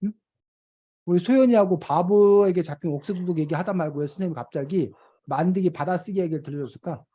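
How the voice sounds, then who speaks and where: Teacher on a video call with kids, patient, keeps asking questions, middle pitch. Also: quick pace, warm tone, husky. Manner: patient, asks children questions. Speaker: reading and writing teacher. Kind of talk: online video class with children.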